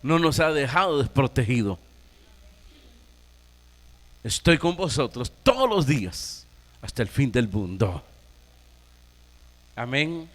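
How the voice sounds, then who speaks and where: A Nicaraguan pastor preaching a sermon, emphatic, firing rhetorical questions at the congregation. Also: male voice, medium pitch, big pitch swings, slow, long pauses, big-room sound.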